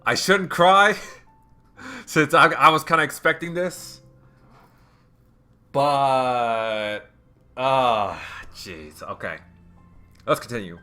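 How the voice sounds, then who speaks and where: A man giving let's play commentary in a bright, forward voice. He rambles and gets emotional as he plays, with faint game music underneath. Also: mid-range voice, very slow, long pauses. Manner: emotional, rambling, filler-heavy.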